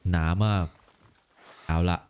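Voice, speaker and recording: A man voicing a stern, gruff warrior god who is a father, giving low, curt commands. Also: slow, dull audio, background noise, close to an everyday voice.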